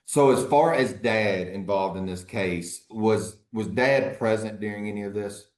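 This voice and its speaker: A man speaking as an attorney in a courtroom recording, formally questioning a witness in a measured, halting way. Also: lowish voice, a little mellow, echoey room. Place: courtroom hearing.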